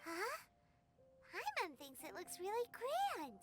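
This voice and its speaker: A woman voicing a tiny, perky, childlike fairy companion with a squeaky voice in a video game. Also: very animated, measured pace, heavily acted. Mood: curious. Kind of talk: scripted video game dialogue. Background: game music.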